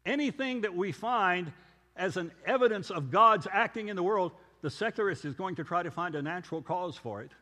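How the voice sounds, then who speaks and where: A man's voice: fairly high pitch, a bit bright, big-room sound. A man giving a conversational sermon lecture, telling stories and asking rhetorical questions. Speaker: preacher.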